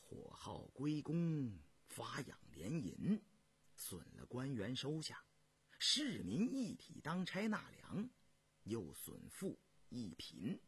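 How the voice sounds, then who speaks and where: A man voicing a seasoned old imperial minister who weighs his words slowly and sighs, in a told historical tale. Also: medium pitch, huge pitch swings, breathy edge, pitched below the performer's own voice, heavily acted. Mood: pondering.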